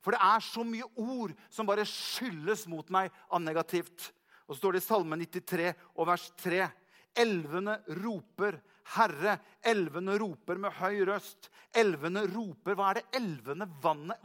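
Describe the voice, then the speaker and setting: High-voiced man preaching emphatically. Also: fairly bright tone. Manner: emphatic, slows down to read scripture aloud; asks questions and answers them himself. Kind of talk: sermon.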